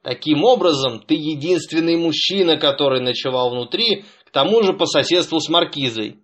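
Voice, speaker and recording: A man voicing a stern middle-aged father who accuses his son, speaking gravely and heavily in an audiobook. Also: fairly high pitch, a bit bright, lightly acted. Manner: grave, accusing, at times slow and heavy. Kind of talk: audiobook character reading.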